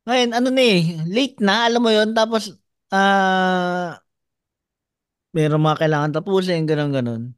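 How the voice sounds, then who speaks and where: A man's voice: high voice, unhurried, pauses often, clear, resonant tone, no room sound, clean studio sound. A Filipino man hosting a podcast, chatting casually and laughing often as he jokes. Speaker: podcast host. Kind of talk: casual chat.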